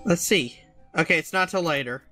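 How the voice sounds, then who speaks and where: A man's voice: fairly high pitch, normal speed, pushed and bright, soft background music. A man hosting a gaming show, chatting casually and reading game text aloud.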